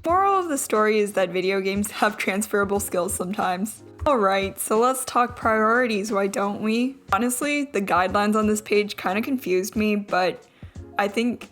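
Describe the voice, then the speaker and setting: A young adult woman giving a casual, chatty, self-deprecating vlog voice-over, with some trouble saying her R sounds. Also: medium pitch. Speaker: vlogger. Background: background music.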